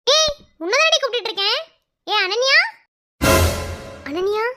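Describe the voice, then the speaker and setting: A woman's voice: very high-pitched, normal speed, music in the background. A woman voicing a caring elder sister in a cartoon love story who scolds and worries over her younger sister. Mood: scolding, worried. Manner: scolding, then worried and pleading.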